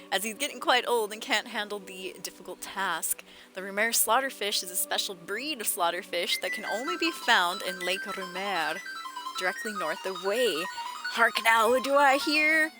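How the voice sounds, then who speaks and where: A woman's voice: mid-range voice, pushed and bright. A woman doing casual, playful live commentary as a game streamer, with music in the background.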